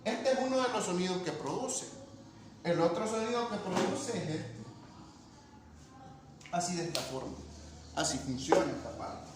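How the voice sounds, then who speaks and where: In an echoey classroom with faint background noise, a male teacher explains phonetics, patiently going over points again and asking his students "¿verdad?" He speaks high with lively intonation at a moderate pace, leaving long pauses.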